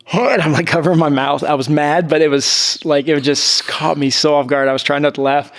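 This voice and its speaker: A man hosting a podcast, telling a coaching story in a casual, animated way, laughing often. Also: fairly high pitch, brisk. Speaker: podcast host and jiu-jitsu coach.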